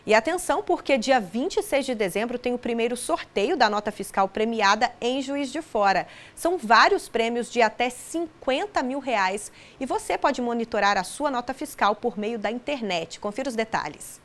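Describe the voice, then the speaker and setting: A woman's voice: a little high, expressive, moderate pace, hardly any pauses. A woman in her thirties presenting a local news bulletin in a studio, upbeat and friendly.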